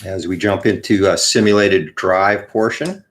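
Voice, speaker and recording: Man with a low voice narrating dice football. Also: a little hiss or hum, poor audio. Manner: explains rules and dice rolls, many "uh" pauses. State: morning voice, clears throat. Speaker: host demonstrating a tabletop football game. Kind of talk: casual play-by-play of a tabletop dice game.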